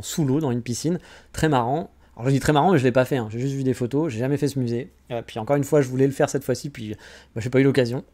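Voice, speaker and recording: A man's voice: mid-range voice, dark tone. A man hosting a podcast, chatting casually and rambling about travel, poking fun at himself. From France. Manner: chatty, rambling, self-mocking. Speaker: podcast host.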